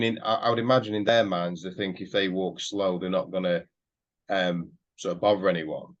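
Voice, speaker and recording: A man hosting a podcast, talking casually and hesitantly, thinking aloud with many pauses. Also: low voice. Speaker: podcast host. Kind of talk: casual conversational interview. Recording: slightly dull lo-fi audio.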